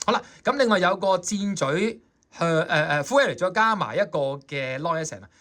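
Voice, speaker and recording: A saxophone teacher with a Hong Kong Cantonese accent talks his students through a score in a chatty, coaxing way. His voice sits fairly high for a man and swings up and down with lots of lively movement. He keeps checking that everyone is following. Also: moderate pace. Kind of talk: explaining a score in a music lesson.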